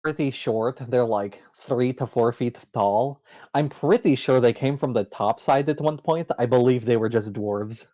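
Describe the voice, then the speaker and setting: A man's voice: mid-range voice, a little slow, dark tone, highs cut off. Man player, joking drawl, stays in character. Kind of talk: in-character tabletop play.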